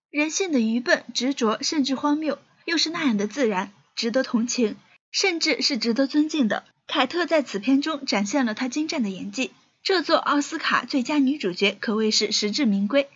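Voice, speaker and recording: A woman hosting a film recap channel, telling a movie's story in a steady, scripted narration. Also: high voice, brisk, breathy edge, lo-fi sound.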